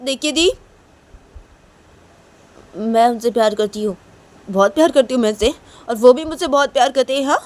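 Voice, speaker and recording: A woman voicing a heartbroken young wife who pleads, cries and shouts in a homemade story reading. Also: a little high, normal speed, long pauses, natural voice. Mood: pleading. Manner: pleading and crying, rising to shouts. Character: young woman Uma, heartbroken, tearful, defiant.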